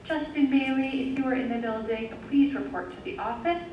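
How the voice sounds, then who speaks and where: A woman's voice: high-pitched, fairly quick. A woman from the school office making a formal paging announcement over the intercom. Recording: distant echoey intercom with faint noise.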